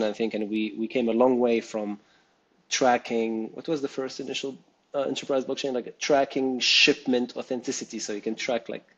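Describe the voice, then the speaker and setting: Tunisian-born guy being interviewed, thinks out loud, lots of ums. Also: medium pitch, lo-fi sound. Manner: thoughtful, with frequent ums and restarts. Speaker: guest, startup co-founder. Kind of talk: interview conversation.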